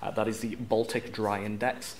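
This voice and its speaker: A quizmaster reads out questions at a university quiz tournament, his lowish voice flat and moderately paced as he enunciates carefully. Background noise from the live room comes through.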